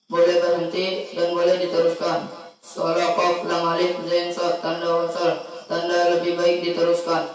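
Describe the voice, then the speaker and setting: Male student, high monotone, rote rapid recitation with chanted Arabic terms; distant mic in a very echoey room. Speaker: student taking an oral exam. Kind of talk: reciting memorized recitation rules.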